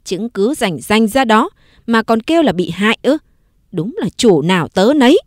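A woman's voice: mid-range voice, animated, moderate pace, a little mellow, no echo, studio quality, natural voice. A woman narrator voicing a sly, scheming young woman who sneers and cuts at others. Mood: sneering. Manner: sneering, cutting.

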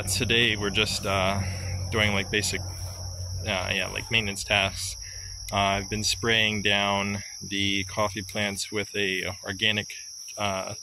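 A young adult man with a low-leaning voice vlogs casually outdoors on a farm, among trees and under a tin-roofed shed, holding his phone camera at arm's length. He talks haltingly with lots of filler words, while insects and crickets make loud noise in the background.

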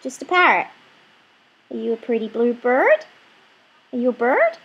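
A woman's voice: fairly high pitch, wildly swooping pitch, moderate pace, a bit bright, slightly rough, lo-fi sound. A woman in playful, affectionate pet talk, cooing short questions and phrases over and over. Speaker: pet owner talking to her parrot.

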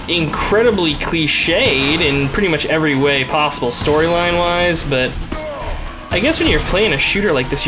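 A man giving casual, rambling gameplay commentary in a wry way. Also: a little high. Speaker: gamer commentator. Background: game music.

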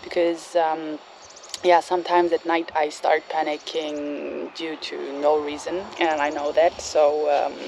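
Slow, hesitant woman vlogging outdoors. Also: low-pitched, level tone, background noise. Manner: hesitant, many fillers and restarts. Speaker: bicycle traveler vlogger. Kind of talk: casual vlog storytelling. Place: outdoors at a campsite.

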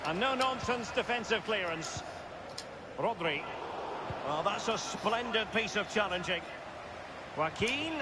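A man's voice: high-pitched, expressive, unhurried, long pauses. A man playing a composed, polished play-by-play commentator in a football video game. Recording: loud stadium noise behind.

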